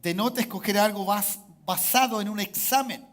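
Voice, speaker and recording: High-voiced Chilean pastor preaching. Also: male voice, moderate pace. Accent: Chilean Spanish. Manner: call-and-response preaching, asks for amens, swings from hushed to loud. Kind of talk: sermon.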